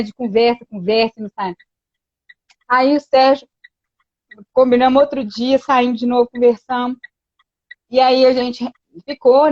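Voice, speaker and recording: High-pitched woman talking casually, acts out dialogue as she tells it, muffled dry recording. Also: a little mellow, no echo. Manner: storytelling with many quoted exchanges and frequent "né". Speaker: guest. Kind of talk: casual chat. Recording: dull lo-fi dry sound.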